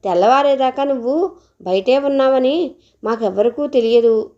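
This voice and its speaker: A woman's voice: high voice, moderate pace, mellow, dull audio, pitched above the performer's own voice, close to an everyday voice. A woman voicing a worried village mother who anxiously scolds her daughter. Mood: scolding.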